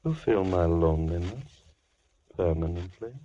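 A man's voice: low-pitched, dark tone. A silky, menacing madman. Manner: slow, silky, coldly polite. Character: menacing soft-spoken male madman, middle-aged. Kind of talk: 1940s radio drama acting. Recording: muffled 1940s radio recording with hiss.

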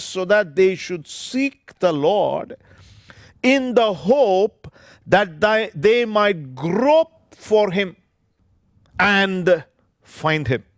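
Slow-preaching pastor at a pulpit mic. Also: male voice, sits high, creaky, no room sound, clean studio sound. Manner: emphatic, stretches out scripture phrases word by word. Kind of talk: preaching a sermon. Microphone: pulpit microphone.

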